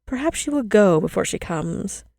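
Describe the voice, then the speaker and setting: A woman's voice: medium pitch, animated, normal speed, creaky, a little mellow, no echo, studio quality. A woman voicing a strange, sly village girl who speaks coolly and with superiority in a storybook reading.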